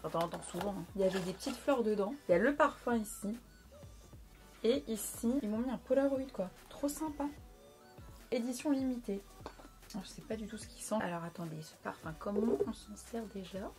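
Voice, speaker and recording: A woman's voice: mid-range voice, brisk, music in the background. A young woman chatting casually through a makeup review, frank and playful, talking at close range to her camera. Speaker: beauty vlogger.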